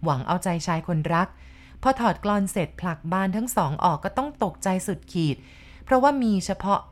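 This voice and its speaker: A woman narrating a ghost story in a steady, dramatic storytelling manner. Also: mid-range voice, fairly quick.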